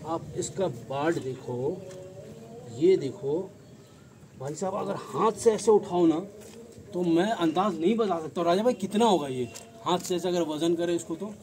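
A man's voice: sits high, a little slow, a little mellow. A man in his thirties with a Kolkata Hindi accent, giving a casual outdoor tour of his goat farm and talking straight to viewers as "brother", recorded on a phone. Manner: chatty, addresses viewers as brother, frequent tag questions. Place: outdoor farmyard with goats.

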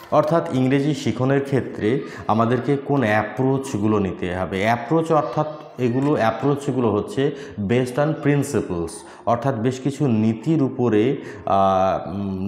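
Low-voiced Bengali man giving an exam-prep lecture. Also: darkish tone, slight background noise. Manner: methodical, listing topics one by one with frequent fillers. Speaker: exam coaching teacher. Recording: echoey room with faint ambience.

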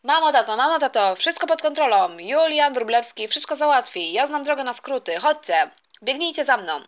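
A woman's voice: sits high, animated, normal speed. A woman voicing a cheeky, careless teenage boy who whines and talks back. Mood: whiny. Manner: whiny, careless.

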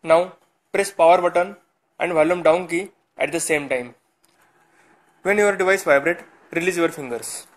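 Tech tutorial host: man, slightly high voice, clipped step-by-step delivery. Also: moderate pace. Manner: short step-by-step instructions. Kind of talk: phone tutorial voice-over.

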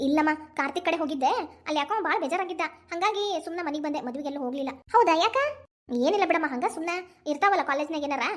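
A woman voicing a young cartoon college girl who answers quietly and evasively, with a North Karnataka Kannada accent. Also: high voice, quick pace, close to an everyday voice. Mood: downcast. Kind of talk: animated cartoon family drama dialogue.

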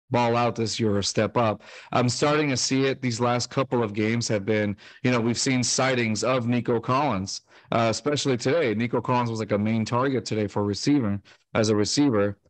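Chatting about sports on a fan podcast, a thirtysomething co-host rambles and restarts often, filling gaps as he goes. He joins by video call from a room at home, recorded through a studio mic on a stand plus a headset. His voice is medium-pitched with no room sound.

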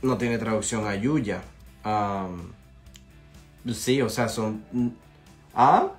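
A young Venezuelan man gives a relaxed live English lesson, talking in a friendly, chatty way and often stopping to check in. He repeats phrases slowly so listeners can practice them. Faint music plays behind his voice. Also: on the low side. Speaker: English teacher. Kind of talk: live-streamed language lesson.

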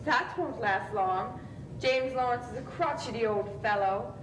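A woman's voice: measured pace, lightly acted. A woman on an amateur stage playing a stern, wealthy old aunt who scolds and lays down terms like an old tycoon. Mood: scolding. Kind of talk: amateur stage play acting. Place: theatre stage, indoors. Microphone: far camera. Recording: noisy, rumbling, echoey distant stage recording.

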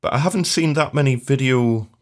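A man's voice: mid-range voice, brisk. A man co-hosting a podcast in casual chat, with hesitant, broken-up phrasing. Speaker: podcast co-host.

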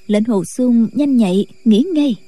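A woman narrating a martial-arts novel in a steady, scripted late-night storytelling style. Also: fairly high pitch, unhurried. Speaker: audiobook narrator.

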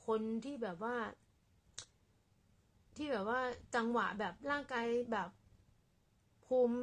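A woman vlogging casually about her cats in a small apartment room, talking softly and quietly in a relaxed, rambling way. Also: on the high side. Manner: speaks softly and quietly to avoid disturbing neighbours; rambling and relaxed with many fillers. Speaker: cat owner vlogger. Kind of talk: casual chat to camera.

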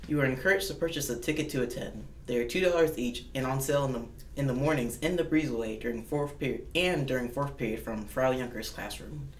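A man's voice: mid-range voice, fast, few pauses. Man reading school announcements over the intercom, roomy and far off. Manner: formal, reads with occasional restarts. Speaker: school morning announcements host. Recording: echoey and distant with faint noise.

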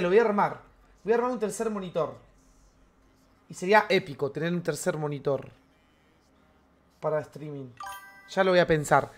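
Argentine man, lively gaming streamer, high pitched voice, slangy and chatty. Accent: Argentine Spanish. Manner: energetic, slangy, chatty with viewers. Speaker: game streamer. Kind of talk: live game stream chat.

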